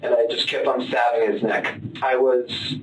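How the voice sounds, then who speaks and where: A man being interviewed as a suspect, talking in a halting, flat, matter-of-fact way. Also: mid-range voice. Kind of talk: police interview. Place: police interview room. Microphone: far-off room camera. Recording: echoey noisy room from far off.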